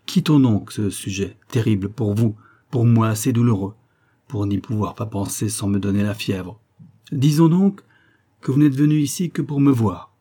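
Man reading an earnest, wounded colonel; dark, husky tone. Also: on the low side, moderate pace.

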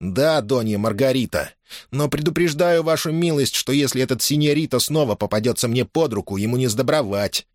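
A man voicing a sly, spiteful hunchbacked servant who speaks in a sneering, drawn-out way. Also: mid-range voice, lively intonation, no room sound, studio quality, natural voice. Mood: sullen.

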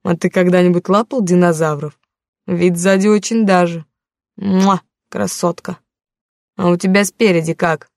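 A woman's voice: on the low side, steady tone, moderate pace, a little mellow, no room sound, clean studio sound, close to an everyday voice. A woman reading the part of a crude, mocking young male street thug in an audiobook. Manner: mocking, vulgar, menacing.

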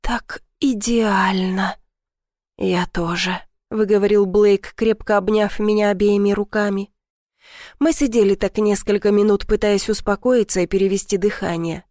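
A woman narrates a first-person romance audiobook in a soft, measured reading. Her voice sits at a middle pitch, and the recording is dry and close, with no room echo. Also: little pitch movement.

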